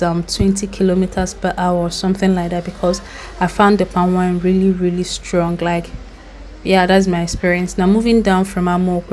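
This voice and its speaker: A young woman with a Nigerian accent talks through a travel voice-over, chatty and full of recommendations. Her voice sits a little low. A faint hiss lies under the recording. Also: a little mellow. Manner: chatty, recommending, loose asides. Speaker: vlogger.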